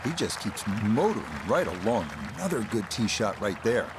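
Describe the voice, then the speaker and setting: A man's voice: lowish voice, sing-song, normal speed. A man playing a composed golf commentator in a video game, calling play-by-play with polished broadcast delivery. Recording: outdoor course ambience and crowd noise. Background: outdoor crowd ambience.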